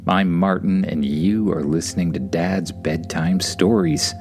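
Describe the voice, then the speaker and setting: Low-pitched man hosting a story podcast. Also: fairly even intonation, unhurried, darkish tone. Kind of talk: podcast introduction and story narration.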